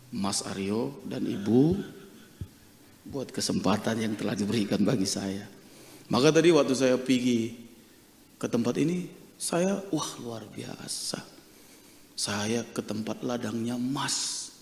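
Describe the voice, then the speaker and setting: A middle-aged male pastor preaching a sermon, telling a personal story in a lively, joking way with frequent hallelujahs. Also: mid-range voice, measured pace, gravelly, long pauses, slight background noise. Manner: lively, jokey, peppered with hallelujahs. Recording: reverberant church hall.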